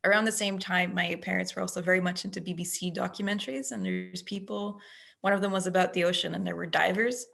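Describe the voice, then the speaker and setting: A woman recounts a memory in a casual interview, her lowish voice gravelly and fairly even in pitch. She narrates easily, slipping small chuckles between phrases. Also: fast talker. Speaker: interview guest.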